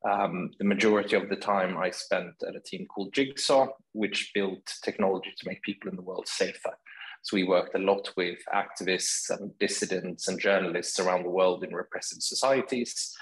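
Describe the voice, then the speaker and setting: A man from Sweden speaks in a low voice as a guest on a video call. He sounds relaxed and fills his pauses with ums, and his voice is picked up by a laptop mic at home. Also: poor audio. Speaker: guest, startup founder.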